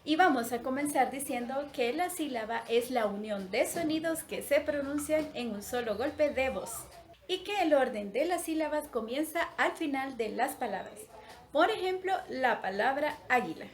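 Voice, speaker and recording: A woman teacher giving a recorded grammar lesson for young pupils, explaining slowly and clearly, breaking words into syllables. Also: sits high, animated.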